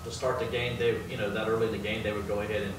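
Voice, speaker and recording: A man reporter asking a hesitant, halting question at a press conference. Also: fairly low pitch, flat delivery. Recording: echoey, far off the mic, noisy.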